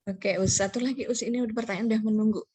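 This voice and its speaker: A woman's voice: a little high, fairly even intonation, very fast, warm tone, breathy edge. A woman moderating an online parenting webinar, politely reading out audience questions with many hesitant fillers over a video call.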